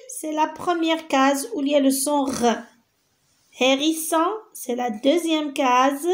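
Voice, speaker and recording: A woman teacher giving a lesson to young children, gentle and patient, repeating each word slowly and clearly. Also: sits high. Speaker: primary school teacher. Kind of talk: slow, patient classroom lesson.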